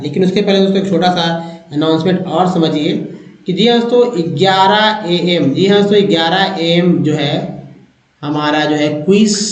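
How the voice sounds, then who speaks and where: A man teaching English reading in a lesson, sounding out words slowly one by one and repeating them while coaxing his viewers along. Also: a little high. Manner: reads English slowly word by word, spelling out sounds. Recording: echoey lo-fi room recording.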